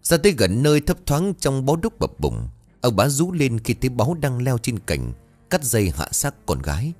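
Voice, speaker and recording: Expressive male ghost-story narrator. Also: medium pitch, normal speed, faint music behind. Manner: expressive, dramatic.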